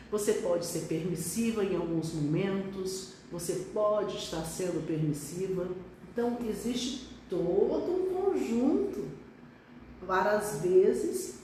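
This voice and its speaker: Speaking with a warm, mid-range voice, this middle-aged pediatric neurologist from Brazil reflects on a live stream and hesitates at times. Slight background noise is present, and the phone recording her is far off in an echoey room.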